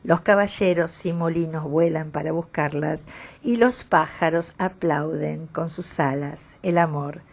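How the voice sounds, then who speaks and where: Woman hosting a radio talk, lowish voice. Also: fairly even intonation, gravelly. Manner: didactic, measured, poetic at times. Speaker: radio host. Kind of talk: scripted radio reflection on language.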